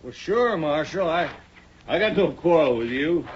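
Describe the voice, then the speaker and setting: An actor playing a shifty, wheedling gunslinger with a halting, folksy manner and an American accent in a 1950s radio western. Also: male voice, on the high side, expressive. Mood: evasive. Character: shifty, wheedling male gunslinger in an Old West drama. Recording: muffled, noisy old radio recording.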